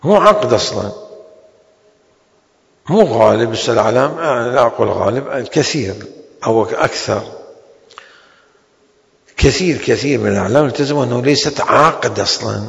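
A man gives a seminary law lecture in a gravelly, creaky voice. He draws out the important terms slowly, then hurries through side remarks. A long hall reverb trails each phrase. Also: medium pitch, expressive. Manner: slow, drawn-out stresses on key terms with sudden quick asides. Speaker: religious law teacher.

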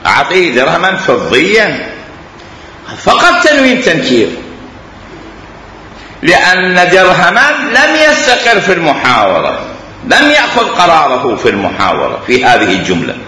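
Iraqi male teacher, bright and animated, explaining and repeating, recorded in a reverberant hall. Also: fairly high pitch, moderate pace, a little hiss or hum. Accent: Iraqi Arabic. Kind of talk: classroom grammar lecture. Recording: echoey hall, faint ambience.

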